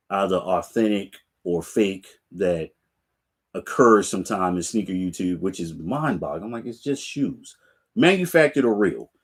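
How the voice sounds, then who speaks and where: A man's voice: deep voice, a little mellow. A middle-aged man hosting his sneaker channel, chatting casually and laid-back with viewers from a room full of shoe racks. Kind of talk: casual live chat to viewers.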